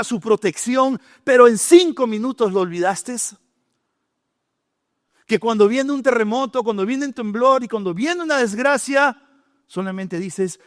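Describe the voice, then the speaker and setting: A man with a Peruvian Spanish accent preaching a sermon in a church, telling stories with lively, dramatic delivery. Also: sits high, no echo, studio quality. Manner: animated storytelling preacher, shouting out quoted lines. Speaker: pastor. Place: church hall.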